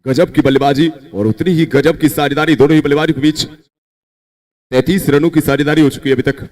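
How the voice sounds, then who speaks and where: A man giving excited live cricket commentary, his voice leaping up on the big shots. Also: fairly high pitch, moderate pace.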